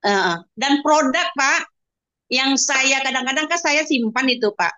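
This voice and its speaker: A woman's voice: high-pitched, a little slow, sharp tone, dry recording. A mother telling an interviewer about her child in an earnest testimonial, often calling him "sir" and exclaiming thanks to God. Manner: addresses the listener as "Pak" constantly, with pious exclamations. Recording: dull, lo-fi dry recording.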